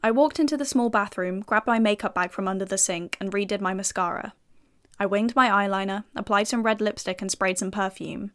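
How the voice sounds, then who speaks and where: A woman's voice: medium pitch, a little fast, fairly bright tone, close to an everyday voice. A young British woman playing a self-assured FBI agent and narrating in first person with dry, sardonic asides. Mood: wry. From United Kingdom.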